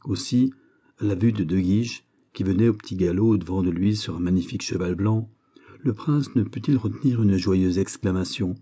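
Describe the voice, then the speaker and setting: Brief: male audiobook narrator, measured literary read, very dark and mellow tone, husky edge. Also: deep voice. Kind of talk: scripted narration of a classic novel.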